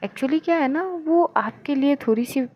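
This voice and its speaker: A woman voicing a gentle middle-aged father who speaks softly and hesitantly. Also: high voice, a little slow, dull audio, pitched above the performer's own voice. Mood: apologetic. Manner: soft, hesitant.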